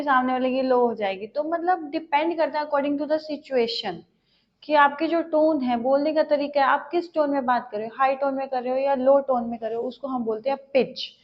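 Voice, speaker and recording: A woman with an Indian accent teaching an exam-prep class in a high-pitched voice. She works through each point step by step, poses a question and then answers it herself. Her delivery mixes English terms into her lecture. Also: highs cut off.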